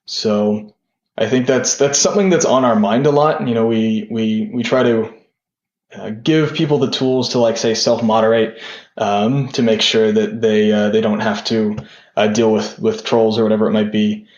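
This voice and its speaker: A man's voice: lowish voice, fairly even intonation, moderate pace, darkish tone. A young man being interviewed on a podcast, talking in a loose rambling way full of "sort of" and "like". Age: young adult. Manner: rambling, lots of "sort of" and "like" fillers. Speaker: podcast guest, tech founder. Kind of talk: casual interview talk. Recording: roomy, dull lo-fi sound.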